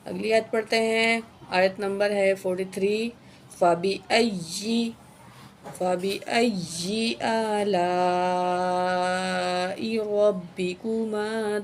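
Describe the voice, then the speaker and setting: Woman teaching Quran reading at a mid pitch, slow drawn-out recitation with spelled-out letters, faint hiss behind. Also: darkish tone. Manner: spells out letters and vowel marks, then recites each word slowly and drawn out; often adds a checking "okay" after each rule. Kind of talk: word-by-word recitation lesson.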